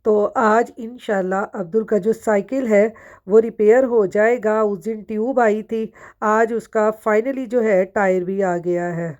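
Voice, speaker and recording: On lo-fi sound, a Pakistani home vlogger walks viewers through her day in chatty voice-over, questioning them as she goes even though her throat is sore. Her mid-range voice is steady, a little mellow and slightly slow.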